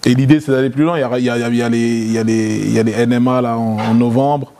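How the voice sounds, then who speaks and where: A man, a guest in a casual interview, telling a story in an animated way. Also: fast talker. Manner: animated, acts out quotes in a loud high voice.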